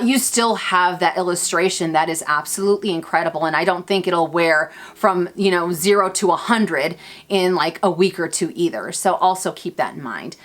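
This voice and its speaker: A woman hosts a relaxed question-and-answer vlog in a slightly low voice. She talks in a chatty, self-mocking way, with playful asides to her viewers. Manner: chatty, self-deprecating, restarts and fillers, laughs often. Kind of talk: casual Q&A vlog.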